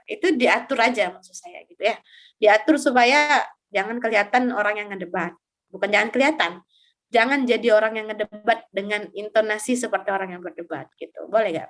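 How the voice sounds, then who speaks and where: A young woman teaching an online religious study class, talking casually and answering her own questions. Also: mid-range voice. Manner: recites Arabic text slowly for students to repeat. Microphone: voice recording.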